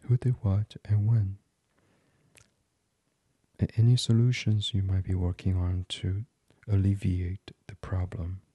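A man's voice: deep voice, level tone, husky, no echo, muffled recording. A man leading a guided meditation in a soothing voice that often drops to a whisper. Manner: slow, soft and soothing, drifting into whispers.

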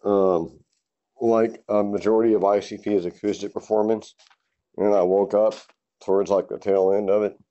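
Man in his garage, host of a casual solo podcast, low mellow voice, rambling and cussing, dull lo-fi sound. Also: flat delivery, moderate pace. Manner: rambling, laid-back, swears casually, many fillers. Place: home garage.

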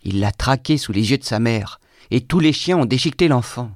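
A man reading a classic novel aloud with measured, expressive narration. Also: medium pitch, no echo, clean studio sound. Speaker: reader.

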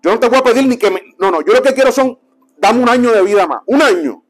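A young adult man, a preacher telling his testimony as a lively storyteller who acts out the dialogue. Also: fast talker, faint music behind. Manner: animated storyteller, acts out dialogue and drops low for quotes.

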